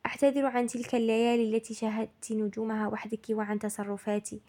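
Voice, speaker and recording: A woman's voice: on the high side, little pitch movement, quick pace, mellow, lightly acted. Woman reading as a remorseful young man. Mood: tender.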